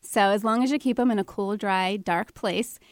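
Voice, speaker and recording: A woman's voice: mid-range voice, normal speed, dry recording. A woman with a New York accent, co-hosting a call-in show as a spice expert, talking enthusiastically and laughing often. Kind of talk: radio talk show.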